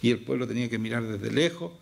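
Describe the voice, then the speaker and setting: A man's voice: medium pitch, quick pace, vocal fry. A man with a Chilean accent preaching a sermon as pastor, emphatic and often firing questions at the congregation. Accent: Chilean Spanish.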